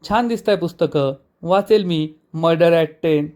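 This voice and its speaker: A gentle young bride in a serial recap, polite and concerned for her elders, as a male narrator voices her. The voice sits high. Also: unhurried, lightly acted. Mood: caring.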